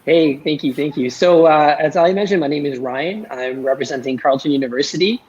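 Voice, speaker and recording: A man's voice: a little high, fairly quick, darkish tone, slightly rough, highs cut off. A young man speaking conversationally as a student panelist, introducing himself and giving advice. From born in India, moved to Canada about twenty years ago.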